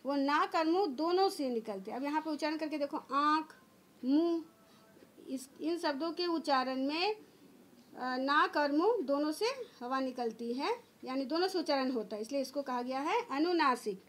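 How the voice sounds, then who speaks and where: A woman's voice: sits high, expressive, a bit bright. A woman school teacher giving an online grammar lesson to children, patiently explaining step by step and answering her own questions. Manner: drawn-out demonstration sounds.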